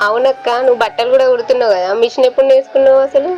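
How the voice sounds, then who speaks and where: A woman's voice: high-pitched, fairly even intonation, very fast, dull audio, over music, lightly acted. A young woman with a Telangana Telugu accent playing a chatty babysitter who looks after a neighbor's baby, coaxing and talkative.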